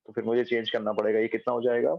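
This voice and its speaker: Working from home, a man teaches math online, talking through every step and pausing to make sure his students keep up. His mid-pitched voice is level in tone, gravelly, and races along. The recording is dry and dull with a lo-fi quality and no room sound at all.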